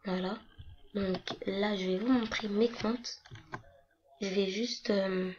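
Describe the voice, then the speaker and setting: Young woman, hoarse voice, casual rambling vlogger, muffled home computer mic with faint noise. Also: mid-range voice, fairly even intonation, slow pace. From France. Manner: chatty, rambling with many fillers. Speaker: gaming vlogger. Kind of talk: casual screen-recording walkthrough.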